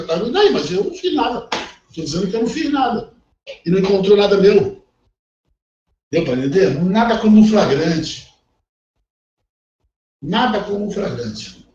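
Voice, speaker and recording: High-pitched and far from the mic, a middle-aged Brazilian Portuguese-accented professor teaches law over an online class call, recorded as a conversational lecture. He's blunt and animated, acting out the people he quotes, and the audio comes through dull and echoey with faint noise.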